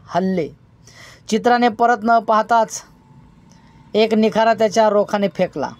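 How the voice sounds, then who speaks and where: A woman reading a Marathi village story aloud in a steady voice, with small slips and restarts. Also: mid-range voice. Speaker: narrator.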